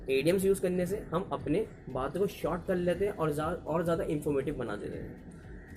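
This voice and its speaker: A man's voice: on the high side, warm tone. A man with an Indian accent, teaching idioms to learners and mixing Hindi with English as he explains. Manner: mixes Hindi and English, repeats and restarts to explain.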